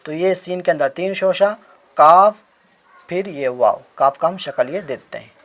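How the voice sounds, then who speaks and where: A man's voice: a little high, measured pace, fairly bright tone. A man teaching Urdu handwriting, patiently spelling out letters one by one and answering his own questions as he writes. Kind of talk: explanatory handwriting lesson.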